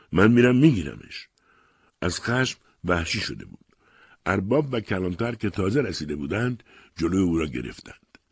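A man narrating a novel as an audiobook reader in measured storytelling. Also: low-pitched, husky, no echo, clean studio sound. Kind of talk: scripted narration.

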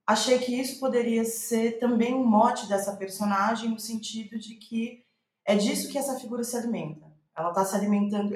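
Thinking out loud and rephrasing herself as she goes, a woman with a Brazilian Portuguese accent talks reflectively in an interview. She is a playwright guesting on a podcast, her voice mid-range with a darkish tone, captured in an echoey, roomy space.

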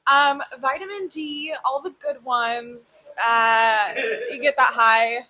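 Woman, husky yet bright, dry playful interview banter. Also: sits high, steady tone, slow pace, low-quality recording. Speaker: drag performer. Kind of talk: casual interview.

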